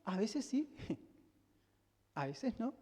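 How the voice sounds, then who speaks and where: High-voiced Rioplatense pastor, slow sermon. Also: male voice, big pitch swings, darkish tone, slightly rough. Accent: Rioplatense Spanish. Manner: emphatic, asks the congregation rhetorical questions. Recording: long hall reverb.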